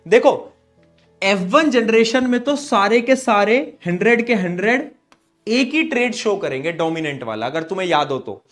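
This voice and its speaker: A young male tutor with a high voice and a sore throat, teaching a live online class. He scolds his students in rising, loud bursts, then drops soft and low. Faint music plays underneath. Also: very animated, moderate pace.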